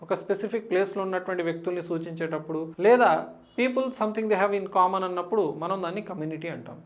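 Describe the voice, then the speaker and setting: A woman with a Telugu accent teaching an exam-prep English lesson, explaining in Telugu mixed with English and reading the questions out slowly. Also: fairly low pitch.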